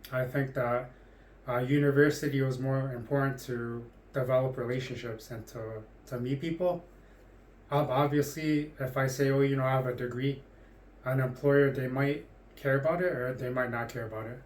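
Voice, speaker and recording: Forties man, casual musing vlog voice, monotone and hesitant, echoey room. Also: medium pitch. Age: 40s. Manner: rambling, hesitant with frequent restarts. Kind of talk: casual monologue.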